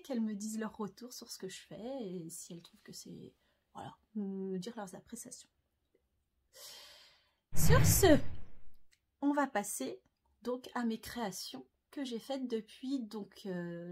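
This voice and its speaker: A woman's voice: mid-range voice, darkish tone, breathy edge. A French woman talking casually to camera about her sewing, chatty and hesitant, with many fillers. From France. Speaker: sewing vlogger.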